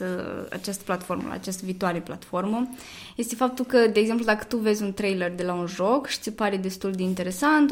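A young woman co-hosting a podcast in casual chat, hesitant, with many fillers and frequent laughs. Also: mid-range voice. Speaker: podcast co-host.

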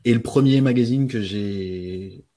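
Low, mellow-voiced man from French Guiana. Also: unhurried. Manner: relaxed, rambling, many hesitant fillers. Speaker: guest beatboxer. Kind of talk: casual interview answers.

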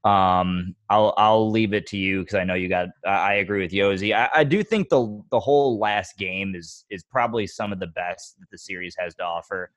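A young man co-hosting a podcast, talking in a relaxed, hesitant way about his favorite film scenes. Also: low voice, normal speed, few pauses, dry recording. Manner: relaxed, hesitant with many fillers and restarts. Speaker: podcast co-host. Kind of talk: casual movie discussion.

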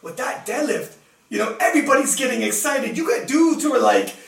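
Very high-pitched and animated, the young Canadian host talks briskly with vocal fry and a slightly bright tone. He runs a casual live interview show, chatty and full of laughs and fillers. The distant mic, set back, makes the audio roomy.

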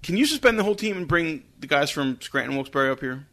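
A man's voice: a little high, animated, quick pace, a bit bright. A man hosting casual sports banter in a home basement, needling his co-hosts with joking questions. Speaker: sports talk host.

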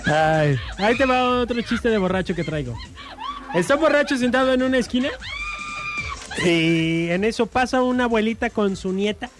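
A man's voice: sits high, lively intonation, normal speed, over loud music. A man hosting a morning radio show, joking around and telling gags. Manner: playful, tells jokes with acted quotes.

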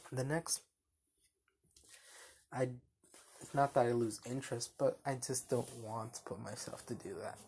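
A young man talks alone into his podcast mic, drawling slowly in a flat, monotone voice. He rambles and second-guesses himself and leans on fillers. His pitch sits in an ordinary middle range. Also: slight background noise. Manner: rambling, hesitant, many fillers. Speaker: podcast host. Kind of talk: casual solo podcast monologue.

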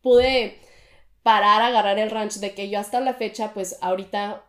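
A woman's voice: mid-range voice, steady tone, moderate pace. A young woman, a podcast co-host telling a candid personal story in casual chat and mixing in English words. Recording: echoey room.

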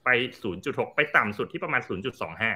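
Bright, lively man explaining markets. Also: medium pitch, very fast. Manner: animated, explains step by step with examples. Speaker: crypto advisory firm CEO, guest. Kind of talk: explanatory talk show discussion.

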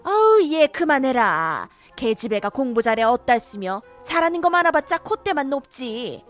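A woman's voice: high-pitched, very animated, normal speed. A woman voicing a domineering older mother-in-law who scolds sharply and favors her grandson, in a cartoon drama. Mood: dismissive. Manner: scolding, sharp, rising to shouts. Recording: faint background music.

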